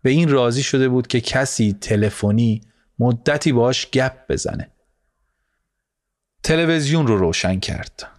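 A man reading a story aloud in calm, measured scripted narration. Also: medium pitch. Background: soft music score.

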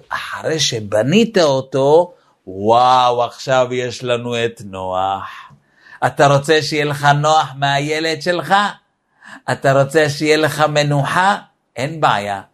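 A man giving a weekly Torah lesson on raising children. He teaches in an animated way and acts out family scenes as he goes. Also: mid-range voice.

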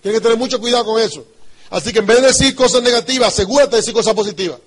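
A man with a Dominican Spanish accent and a high-pitched voice delivers a motivational talk on business. He talks emphatically, says key phrases over and over, and keeps checking with his listeners through rhetorical questions. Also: very fast. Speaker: business trainer.

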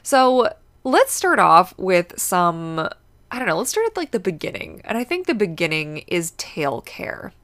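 A woman's voice: lowish voice, very animated, measured pace, fairly bright tone. A young woman hosting a podcast in a chatty, bubbly way, sounding congested and sniffly, rambling with fillers. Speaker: podcast host. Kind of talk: casual podcast chat.

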